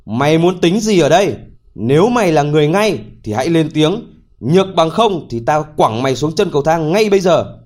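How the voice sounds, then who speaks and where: A man puts on a foolish young hero for a spoken folk tale, his voice pushed up high and a touch louder than the narration. He talks bluntly, pleading when scolded. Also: big pitch swings, fairly quick. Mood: threatening.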